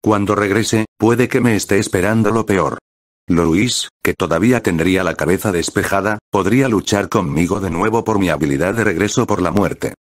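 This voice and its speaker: A man's voice: sits low, normal speed, no echo, studio quality. A man voicing a desperate, defiant young male hero in an audiobook.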